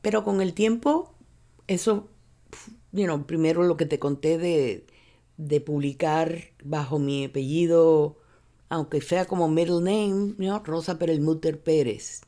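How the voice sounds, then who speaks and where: An older Cuban woman with a low, unhurried voice tells her life story in an interview. A university professor, she reflects on her past, grows animated when retelling events, restarts words often and slips in English phrases.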